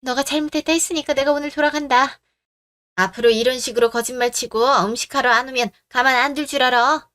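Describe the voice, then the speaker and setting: A woman's voice: sits high, fairly even intonation, fast talker, fairly bright tone. A woman voicing a bullying older mother-in-law in a radio drama, screaming insults at her daughter-in-law. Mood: scolding. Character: furious bullying middle-aged mother-in-law.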